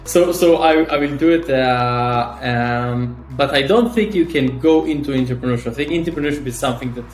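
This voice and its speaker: A man's voice: medium pitch, moderate pace, few pauses. Israeli founder in his thirties, roomy sound. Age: 30s. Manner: fillers and restarts, eager, slightly non-native phrasing. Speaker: startup founder, guest. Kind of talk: casual interview chat. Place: home or office in Tel Aviv. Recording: roomy call audio with faint music.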